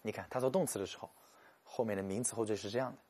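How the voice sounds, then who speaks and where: A man giving a lively, joking English vocabulary lecture, slowing down to sound out English words. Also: on the low side. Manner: animated, jokey, stretches English words slowly to show pronunciation.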